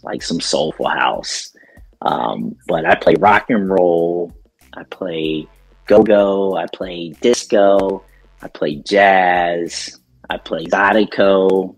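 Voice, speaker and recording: A middle-aged man talking casually in an interview about his radio work, relaxed and rambling, with plenty of ums. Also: deep voice, breathy edge. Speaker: DJ and radio station owner.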